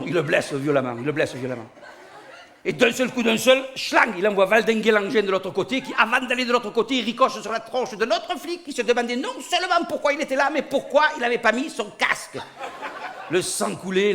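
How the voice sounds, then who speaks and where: A man telling a comic story in an animated way, full of sound effects. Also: high-pitched, a little fast. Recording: studio recording.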